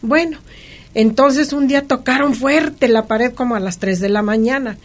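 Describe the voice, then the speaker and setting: A middle-aged woman with a Mexican accent recounts her experiences in an animated, conversational way. Her voice sits a little high for a woman. She tells each anecdote in a lively manner. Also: normal speed. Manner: animated, lively anecdotal telling with frequent laughs. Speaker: interviewee. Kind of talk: conversational storytelling.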